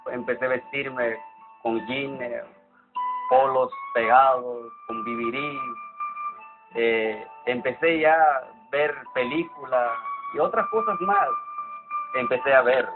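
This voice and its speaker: Earnest man, tinny sound. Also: medium pitch. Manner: earnest, halting, with restarts. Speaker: church member giving testimony. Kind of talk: personal testimony. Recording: tinny phone-like sound with music behind.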